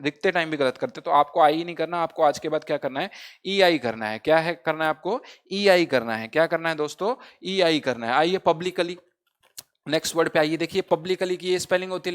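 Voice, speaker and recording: Guy teaching an online class in hindi, fairly high voice, dry, keeps repeating words. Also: no room sound. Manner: drills spelling letter by letter, asks and repeats answers; mixes Hindi and English. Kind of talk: online vocabulary lesson.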